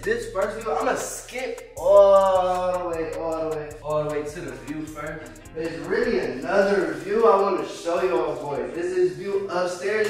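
A fairly high-pitched American man in his twenties casually chats to viewers while touring a small, empty apartment, using slang and repeating phrases for emphasis. A handheld camera a few steps away records him from a distance, off-mic, in an echoing room with background music.

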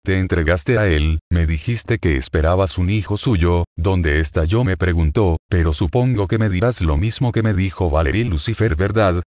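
A man's voice: sits low, normal speed, few pauses, a little mellow, no echo, studio quality, lightly acted. A man voicing a vengeful, betrayed young male warrior who speaks with fury and contempt. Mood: contemptuous. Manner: furious, contemptuous and cursing.

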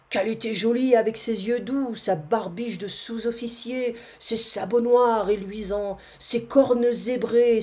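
Woman reading a tale, mellow tone. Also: mid-range voice. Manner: expressive reading with occasional slips and self-corrections. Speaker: narrator. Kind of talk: reading a classic tale aloud.

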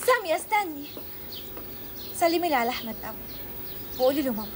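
A woman's voice: high-pitched, sing-song, quick pace. An actress with an Egyptian accent playing a friendly, teasing young woman. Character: playful young woman, warm-hearted. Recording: old archive with loud noise.

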